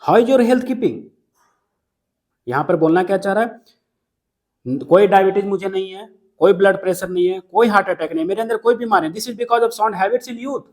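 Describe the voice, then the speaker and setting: Switching between Hindi and English, a male literature teacher walks his class through a poem one line at a time. He often checks whether students understand and repeats the key lines, speaking at a normal speed in a high-sitting voice.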